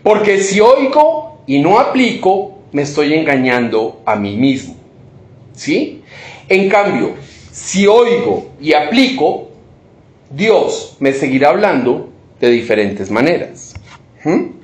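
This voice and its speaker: A high-voiced pastor preaches slowly, his pitch rising and falling widely. He reads scripture and checks in with listeners through rhetorical questions. The sound is echoey and roomy. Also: sing-song. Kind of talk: sermon.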